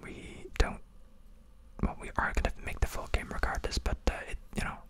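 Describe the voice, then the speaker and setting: An ASMR streamer speaking in a soft, breathy whisper, informally chatting to live viewers close to the microphone. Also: moderate pace. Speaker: streamer and game developer.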